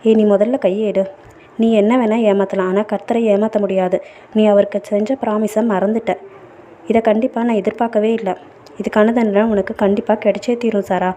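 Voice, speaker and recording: A woman's voice: medium pitch, fairly even intonation, moderate pace, mellow, a little hiss or hum, close to an everyday voice. A woman reading a story aloud, voicing an angry young woman who accuses her friend of betrayal. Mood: accusing.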